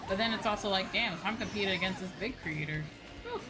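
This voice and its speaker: A woman livestreaming a video game chats casually with viewers in a mid-range voice, talking fast. She muses aloud and circles back over her phrases, with music behind her and poor audio quality.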